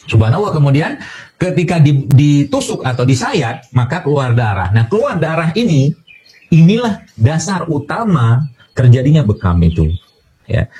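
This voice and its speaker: A man's voice: on the high side, big pitch swings, moderate pace, mellow, a little hiss or hum. A man from Indonesia giving a health talk to an audience as a doctor, explaining with everyday analogies and a lot of fillers.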